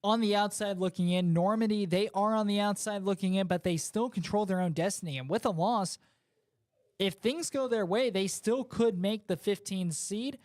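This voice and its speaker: Male sports talk host, high voice, dry close studio mic. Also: normal speed, darkish tone, no room sound. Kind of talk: high school football talk show.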